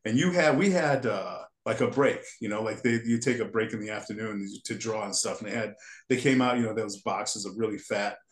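A man in his sixties, a guest character designer from the United States, telling childhood stories in a rambling way and often restarting his sentences. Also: fairly low pitch. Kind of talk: casual storytelling interview. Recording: echoey room.

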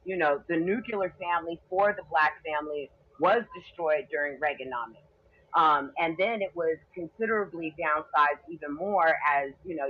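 A woman's voice: deep voice, slightly rough. A woman with a muffled, distant sound, explaining her point at length in a group discussion on an online call. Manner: measured, explanatory, talks in long sentences. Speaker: panel participant.

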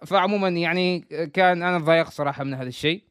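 Guy telling a story, casual and chatty, smooth clear voice, fast. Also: high-pitched, a bit bright, no echo, studio quality. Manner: chatty, restarts, drops in English words.

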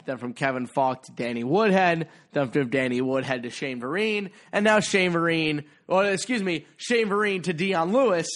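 A man's voice: fairly high pitch, animated, moderate pace, hardly any pauses, fairly bright tone. A man with a stuffy nose hosting a podcast, giving casual sports commentary in a chatty, playful, emphatic way. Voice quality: congested, stuffy-nosed. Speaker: podcast host.

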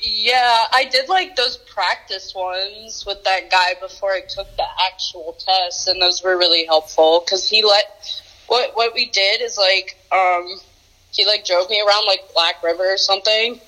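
A woman's voice: medium pitch, measured pace, bright, forceful tone, poor audio. A young adult woman talking in a casual, chatty way, full of "like", heard through a phone on speakerphone. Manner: chatty, fills talk with "like". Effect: heard over a phone on speakerphone. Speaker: daughter calling in. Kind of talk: casual chat.

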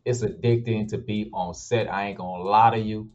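A man's voice: lowish voice, steady tone, normal speed, darkish tone, muffled recording. A man who acts and makes films, talking casually about his projects in a laid-back, slangy way. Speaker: actor and filmmaker guest. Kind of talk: casual interview chat.

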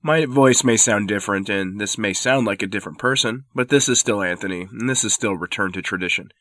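Congested with a head cold, a commentary podcast host delivers spoken opinion in a lowish, fairly bright voice at a slightly fast clip. He's firm and argumentative with now-and-then sardonic remarks, recorded in clean studio sound with no echo.

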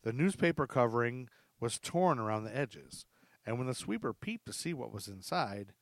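A podcast host with a mid-range, very animated voice tells true crime stories at a normal pace, partly reading from notes and partly chatting casually with joking asides. The recording is dry.

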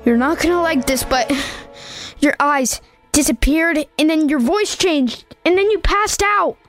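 A woman's voice: sits high, measured pace, faint music behind. A woman voicing a young boy who is earnest and protective of his sister. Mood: concerned. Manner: earnest, concerned.

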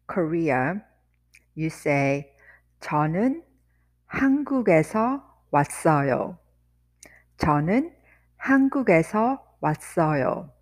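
A woman leads a language lesson at a very slow, deliberate pace. Her fairly low voice rises and falls a lot. She says each phrase slowly and then repeats it quickly. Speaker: Korean language teacher.

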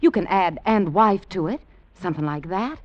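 A woman plays a scheming, practical young woman from Virginia, brisk and earnest as she presses her case. Her pitch swings widely. The sound is muffled and lo-fi, like an old film reel. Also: animated, no echo, close to an everyday voice. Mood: urgent, earnest.

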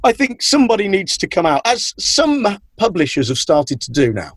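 A man who is a writer and comedian gives opinions in an interview clip, halting and restarting often. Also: high-pitched, big pitch swings, slightly rough, no room sound, clean studio sound.

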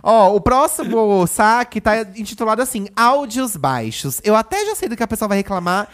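A man with a shrill, strident voice and a Brazilian Portuguese accent, co-hosting a podcast in quick, teasing gossip banter. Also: big pitch swings, fairly bright tone. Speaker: podcast co-host. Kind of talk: casual gossip chat.

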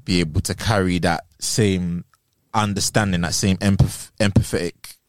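A man's voice: deep voice, fairly even intonation, moderate pace, no echo. A man with a London roadman accent chats casually as an interview guest, using heavy street slang and often checking that he is understood. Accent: London, urban street style.

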